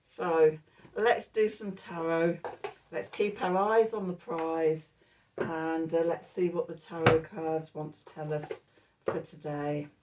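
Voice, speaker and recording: A woman's voice: low voice, fairly even intonation, slow, very noisy. A woman giving a casual, chatty tarot reading, full of ums, with a voice a little distant from the mic. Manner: chatty and laughing often, with many ums. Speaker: tarot reader.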